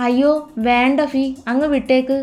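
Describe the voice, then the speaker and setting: A shy, anxious young bride, pleading and close to tears, her voice lifting high, as a woman narrator voices her. Soft music runs quietly under the storybook reading. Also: moderate pace, close to an everyday voice. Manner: pleading, tearful.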